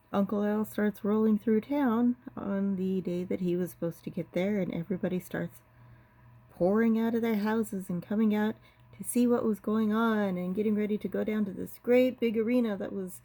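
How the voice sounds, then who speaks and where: A woman telling a family story from her childhood in a relaxed, rambling way, stringing events together with lots of "and"s. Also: medium pitch.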